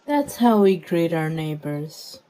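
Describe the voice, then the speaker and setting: A woman's voice: low-pitched, very animated, slow, dark tone, exaggerated voice. A woman voicing a chirpy, brazen female neighbor in an overacted anime fan dub. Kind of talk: abridged fan dub acting.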